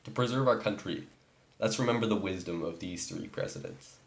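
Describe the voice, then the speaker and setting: A man delivering a prepared speech in a measured, declamatory way. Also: lowish voice, vocal fry. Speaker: speech giver.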